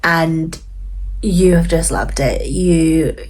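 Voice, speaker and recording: A woman's voice: low voice, extremely slow, darkish tone. A woman, chatting casually and reflectively as she replies to her younger self in a vlog. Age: 30s. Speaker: vlogger.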